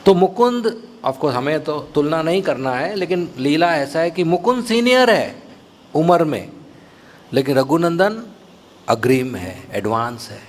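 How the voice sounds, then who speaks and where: Animated male preacher telling a story. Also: fairly high pitch, a little slow, slight background noise. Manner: animated, mixes English words into speech. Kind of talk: devotional storytelling talk.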